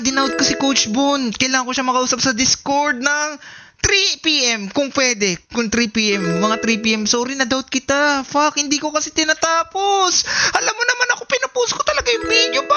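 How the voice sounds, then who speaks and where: High-voiced, excitable young man streamer. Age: 20s. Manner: excitable, profane, rambling, teasing. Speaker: streamer reacting to a video. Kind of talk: casual reaction stream. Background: background music.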